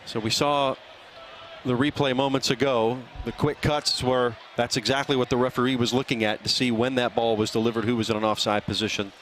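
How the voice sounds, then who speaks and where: A man doing live play-by-play soccer commentary, calling player names in brisk short bursts. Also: medium pitch, steady tone, fairly bright tone, slight background noise.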